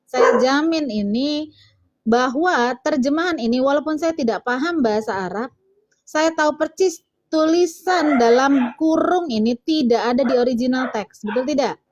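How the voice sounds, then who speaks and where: A woman's voice: sits high, normal speed, muffled recording. A woman hosting a casual livestream debate, teasing and challenging her callers, laughing at them. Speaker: livestream host.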